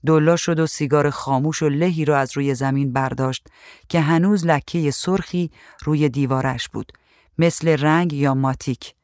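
Brief: male story reader, steady narration, slightly high pitch, no room echo. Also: clean studio sound. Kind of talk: storybook reading.

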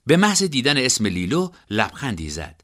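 A man reading a story aloud as an audiobook narrator, at a middle pitch. His delivery is expressive, and his pitch rises and falls in a lively, animated way.

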